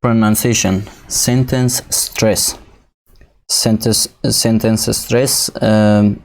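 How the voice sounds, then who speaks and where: Gravelly man teaching English slowly. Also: on the low side, a little mellow. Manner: reads English slowly, explains in Dari. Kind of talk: recorded textbook lesson.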